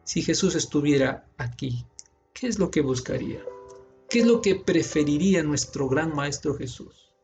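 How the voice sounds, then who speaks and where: A man with a Peruvian Spanish accent, a pastor, teaching a Sabbath school lesson as a sermon and rising loud on key points. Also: on the high side, lively intonation, normal speed, highs cut off, soft background music.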